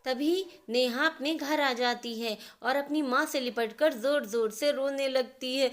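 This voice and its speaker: A woman narrating a family story in an even storytelling manner. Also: high-pitched, a little slow.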